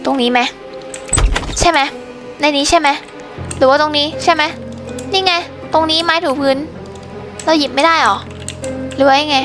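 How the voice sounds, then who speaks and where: A woman's voice: high-pitched, normal speed, pauses often, over music. A young woman hosting a gaming channel, chatty and exclaiming often as she talks to viewers in casual game commentary.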